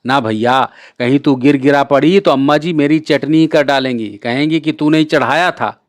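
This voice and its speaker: A man's voice: fairly high pitch, normal speed, dry recording, natural voice. Man doing a bossy, impatient boy. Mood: scolding.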